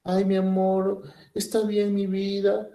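A man's voice: high voice, completely flat delivery, slow pace, gravelly, warm tone, echoey room, pitched above the performer's own voice, exaggerated voice. A man voicing an anxious, whiny female pinworm. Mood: panicky. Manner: whiny, panicky, sighing "ay".

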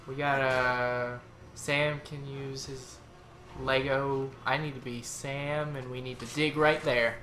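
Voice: mid-range voice, little pitch movement, slow pace. A player in a casual co-op gaming chat, directing the partner and explaining the game. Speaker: co-op game player and channel host. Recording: echoey room with faint noise.

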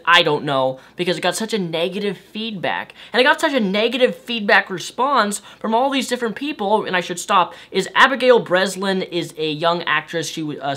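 A young adult man with a light, high voice rants as a video host in a commentary vlog. He sounds animated and exasperated, waving his hands, and films in a bedroom lined with shelves of toys and games.

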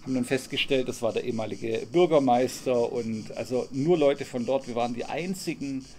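A man in his thirties with a German accent, a travel vlogger recording outdoors at a garden table. His pitch sits in the middle of the male range, and he tells the story in a chatty way, backing up to restart his sentences. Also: brisk, darkish tone, a little hiss or hum. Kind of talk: casual travel recap.

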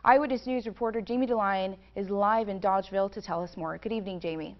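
A woman's voice: medium pitch, fast talker, lo-fi sound. A woman in her thirties reading a scripted introduction as a television news anchor in a studio.

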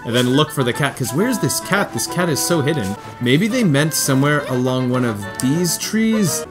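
Game music plays clearly behind a man commenting casually on his playthrough. His voice sits at a middle pitch. He is chatty, thinks aloud and tends to repeat phrases to himself as he works things out. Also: animated, moderate pace, low-quality recording. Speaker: video game streamer doing a playthrough. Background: video game music.

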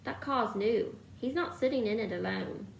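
A woman reading as a gruff, blustering uncle. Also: fairly high pitch, moderate pace, reverberant, far from the mic, slight background noise, poor audio. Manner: gruff and threatening. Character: blustering bossy man, a stern uncle.

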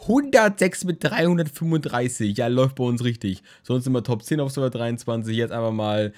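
A sleepy young man hosts a let's play at a home desk mic, tired after just waking from a nap. His mid-range voice is brisk and a little mellow as he gives rambling, jokey game commentary with crude humor.

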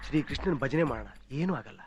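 A man's voice: lively intonation, fast, loud music behind the voice, natural voice. An actor playing a brash, cynical young man who taunts and preaches in film dialogue. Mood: taunting. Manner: taunting, preachy, wild swings of pitch.

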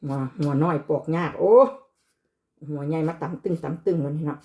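A woman with an Isan accent chats casually while cooking at home, switching between Isan and Thai. Her voice sits a little low. Faint clinks of dishes and cutlery sound behind her. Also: fairly even intonation, moderate pace, dark tone, slight background noise. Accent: Isan (Northeastern Thai). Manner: chatty, mixes Isan and Thai. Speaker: vlogger mother. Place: home kitchen.

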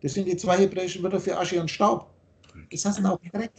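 A man's voice: high-pitched, flat delivery, a little fast. A man teaching on a video call, lecturing insistently and spelling out letters as he explains. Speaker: spiritual teacher.

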